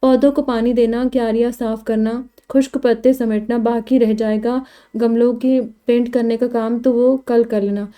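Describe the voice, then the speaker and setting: A woman's voice: on the high side, little pitch movement, moderate pace, mellow, clean tone, lightly acted. A woman voicing a stern elderly grandmother who scolds and bosses her granddaughter in a storybook reading. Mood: sweetly bossy. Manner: scolding, bossy.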